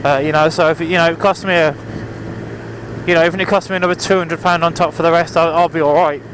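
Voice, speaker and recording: A motorbike vlogger chats to viewers as he rides, rambling and apologetic, raising his voice against the engine. He talks fast, with a fairly high pitch and a flat delivery. Engine drone, wind, and traffic fill the background of his open-visor helmet mic.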